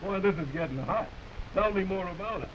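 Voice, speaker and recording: An actor playing a friendly, curious male homesteader in an early talkie film, with a slow, stagey delivery. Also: high voice, lively intonation. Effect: early talkie film soundtrack. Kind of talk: 1930s film acting. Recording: hissy, dull 1930s film soundtrack.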